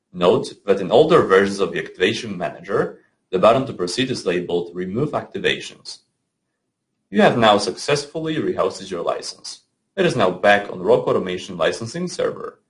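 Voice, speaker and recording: A man narrating a scripted software tutorial, giving clear step-by-step instructions with the odd small slip. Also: sits low, very animated, a little fast.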